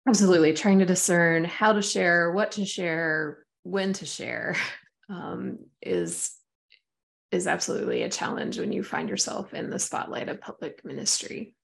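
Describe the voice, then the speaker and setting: A woman hosting a podcast interview, putting her questions in a measured, clear way. Her voice sits low, with a gravelly, creaky texture. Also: big pitch swings. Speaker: podcast host.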